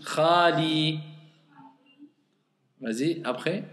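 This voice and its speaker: A man teaching Arabic reading in a patient classroom way, slowly repeating syllables and gently correcting a student. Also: fairly high pitch. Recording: echoey room with long reverb.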